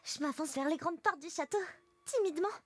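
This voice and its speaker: A woman voicing a naive, excitable, pleading little princess sister in a childlike, earnest comedy-story voice. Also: very high voice, brisk, no room sound. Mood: hopeful.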